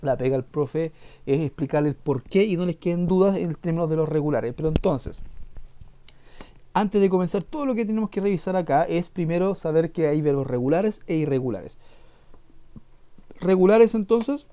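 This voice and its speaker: A man's voice: fairly high pitch, normal speed, warm tone. A man teaching an English class, explaining patiently and repeating himself with fillers. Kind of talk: online class lesson.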